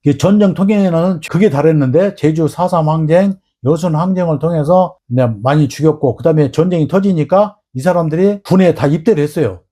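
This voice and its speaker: Emphatic husky male history commentator. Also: on the high side, brisk, few pauses, warm tone. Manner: emphatic, rhetorical questions, acts out quoted exchanges. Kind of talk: solo lecture-style commentary.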